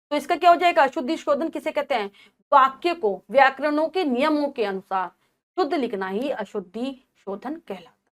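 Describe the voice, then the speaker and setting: A woman teacher giving a spelling lesson to children, saying each word slowly and repeating it, asking questions and answering them herself. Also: fairly high pitch. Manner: says each wrong spelling then the correct one, slowly stressed; patient, repeats words and asks herself questions.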